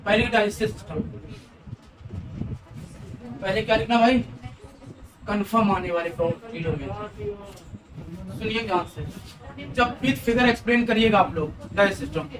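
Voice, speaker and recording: A male teacher gives exam-prep advice to students in a coaxing, repetitive way. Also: high-pitched. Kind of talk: exam-prep class lecture. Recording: noisy room, voice from a distance.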